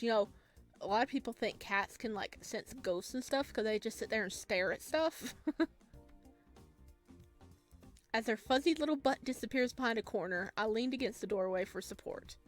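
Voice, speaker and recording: In this casual let's play, a woman reads a visual novel's dialogue aloud, acting out the lines and reacting informally between them. She speaks at a moderate pace with a fairly high pitch, and faint music can be heard.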